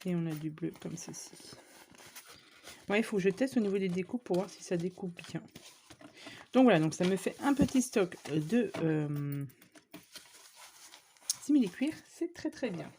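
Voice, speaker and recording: A woman's voice: fairly low pitch, lively intonation, measured pace, pauses often, mellow, a little hiss or hum. A woman chatting casually to viewers as she shows off craft supplies she bought, with lots of fillers and small asides. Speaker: scrapbooking vlogger. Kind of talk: casual shopping haul show-and-tell.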